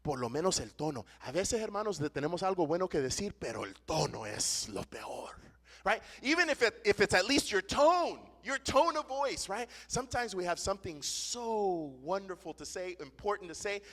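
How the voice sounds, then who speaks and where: A pastor delivers an animated bilingual sermon in a church sanctuary, preaching and then repeating himself in English. His high male voice moves at a moderate pace, rising loud and dropping soft, with frequent "right?" tags. A long church-hall reverb colors the recording.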